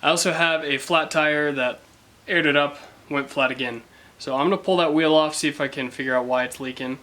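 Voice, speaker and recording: A young man talking casually and excitedly to camera while working on his car, with a self-mocking tone. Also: a little high, brisk. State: out of breath. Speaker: car vlogger. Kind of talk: casual garage vlog.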